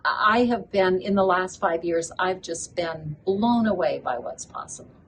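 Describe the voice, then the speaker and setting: A woman's voice: lowish voice, a little slow, slight background noise, rough recording. An older woman who grew up in Ethiopia, a children's book author, speaking earnestly as an interview guest at a conference. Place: conference venue.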